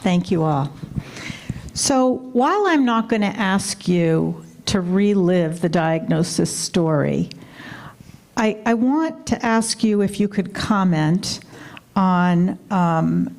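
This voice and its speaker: Panel moderator, woman, unhurried and gently reassuring, fry in the voice. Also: fairly low pitch, animated. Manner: measured, gently reassuring questions.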